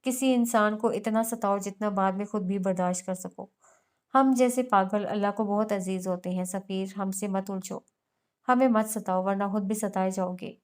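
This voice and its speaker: A woman's voice: steady tone, normal speed, smooth, lightly acted. A woman narrator voicing a brooding young man who turns tearful and threatening. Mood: menacing. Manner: low, menacing murmur.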